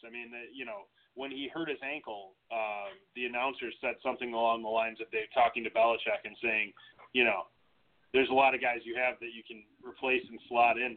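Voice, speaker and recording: A man co-hosting a casual sports chat, steady, laid-back and analytical. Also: medium pitch. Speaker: podcast co-host. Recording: tinny phone-like line.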